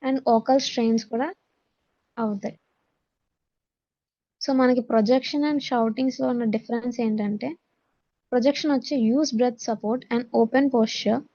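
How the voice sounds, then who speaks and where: A woman with a Telugu accent teaches lecture-style, switching between Telugu and English, using English terms and reading out notes as she explains. Her voice is a little high and dark in tone, fairly even, a little slow with frequent pauses, and the recording is muffled.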